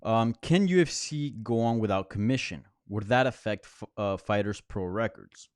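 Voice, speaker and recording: A man's voice: lowish voice, normal speed, no echo, clean studio sound. A man hosting a live question-and-answer stream, talking casually with lots of fillers and restarts. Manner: rambling, many restarts and fillers; conversational, answering viewer questions. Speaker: host. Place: apartment near a hospital.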